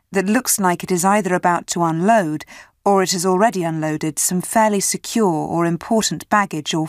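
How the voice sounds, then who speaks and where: Lower-pitched woman, dry close recording. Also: no echo. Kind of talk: descriptive explanation of a picture.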